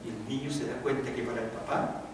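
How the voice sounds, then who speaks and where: Preaching pastor in an echoey church. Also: male voice, medium pitch, fairly even intonation, quick pace. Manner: dramatic preaching, acting out quoted voices and shouting lines. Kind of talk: sermon. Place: church sanctuary. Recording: echoey church hall, distant mic, audible noise.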